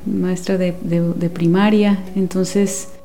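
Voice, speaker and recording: A woman in her forties from Guatemala, a guest speaking softly in an interview and searching for words with many pauses and restarts. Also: on the low side, level tone, faint music behind. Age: 40s. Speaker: guest, women's companion and former teacher. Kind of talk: unhurried interview talk.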